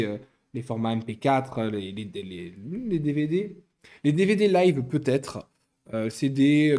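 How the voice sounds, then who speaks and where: A man's voice: mid-range voice, dark tone. A young man chatting casually while building Lego, rambling and often correcting himself.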